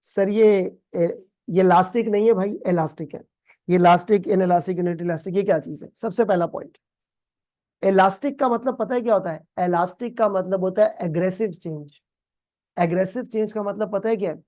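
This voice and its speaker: A man's voice: high-pitched, a little fast, darkish tone. A man tutoring students in a recorded exam-prep lecture. He calls them "beta", quizzes them with call-and-response questions, and explains with playful everyday examples full of English terms. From Pakistan. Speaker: accounting tutor.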